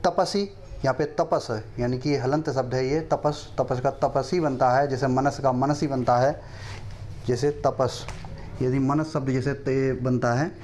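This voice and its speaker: A middle-aged man teaching a lesson, reciting verses slowly in a chant and then explaining them quickly. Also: mid-range voice, fairly even intonation, a little mellow, slight background noise. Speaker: Sanskrit teacher.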